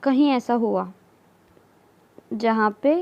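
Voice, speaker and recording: Woman, biology teacher, unhurried and soft-toned, repeats each term while sketching. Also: a little high, creaky, highs cut off. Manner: slow, repeats terms, mixes English terms into Hindi, frequent "theek hai". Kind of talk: explaining while drawing diagrams.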